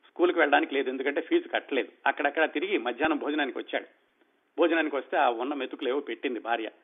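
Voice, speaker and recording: A man's voice: medium pitch, slightly rough. A man retelling a novel as spoken storytelling, conversational, acting out the dialogue and commenting in between. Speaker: storyteller host. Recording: tinny phone-like sound.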